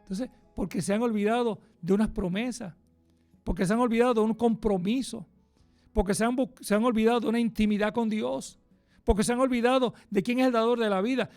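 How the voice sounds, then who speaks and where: Male radio preacher, high gravelly voice, fervent, hush to loud. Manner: impassioned, swings from hushed to loud and fast. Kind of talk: radio sermon.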